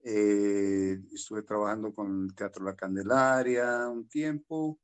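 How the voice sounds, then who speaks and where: An older man with a Honduran accent, a playwright speaking on a video call panel in a slow, meandering, reflective way. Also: lowish voice, fairly even intonation, clear, resonant tone. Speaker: playwright and theater director.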